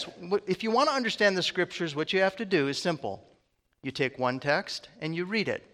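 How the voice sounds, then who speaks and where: A man's voice: sits high, a bit bright, in a large hall. A man preaching a conversational sermon, often asking his congregation questions.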